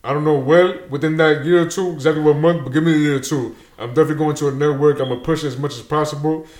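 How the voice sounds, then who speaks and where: Recorded with reverb, a young show creator from New Jersey with Dominican and Peruvian roots speaks quickly in a fairly high but darkish, steady voice. He's an energetic interview guest, mixing Spanish words into his slang.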